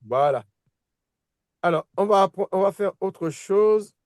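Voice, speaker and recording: A man's voice: high-pitched, lively intonation, slow, darkish tone, dry recording, clean studio sound. A man teaching a language lesson in a casual way, often restarting and repeating words while checking that his students follow. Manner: patient, checks understanding with "d'accord?". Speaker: Hebrew teacher.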